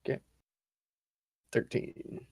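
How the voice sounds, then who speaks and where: A man's voice: takes it slowly, darkish tone, dry recording. A man playing in a casual tabletop game, asking short questions of the game master and saying his actions. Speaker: player.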